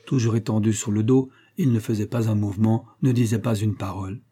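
Man, audiobook narrator, husky voice, mellow dark tone, steady measured reading. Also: on the low side.

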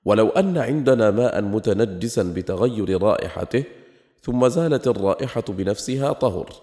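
A man reading a scholarly text aloud in a measured, explanatory way, at times slightly sing-song. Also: on the low side, expressive, dark tone. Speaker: reader. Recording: long hall reverb.

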